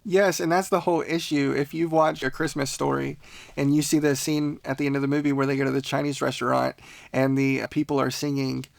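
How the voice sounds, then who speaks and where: A man with a gravelly, creaky edge to his voice leads a relaxed podcast language lesson. He talks patiently and laughs often, recorded on a close mic in a dry, dead-sounding room. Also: mid-range voice, fairly quick, dry recording. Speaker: language teacher.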